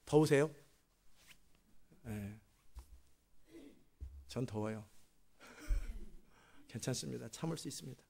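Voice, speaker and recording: A male pastor preaching a sermon, retelling a story in an animated way with chatty asides to the congregation. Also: medium pitch, takes it slowly, vocal fry, pauses often, slight background noise. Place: church sanctuary.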